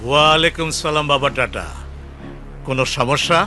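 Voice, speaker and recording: A man's voice: on the high side, moderate pace. A middle-aged man playing a stern, irritable head of household in a film, curt and commanding. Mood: firm. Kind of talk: film dialogue. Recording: loud film music behind the voice.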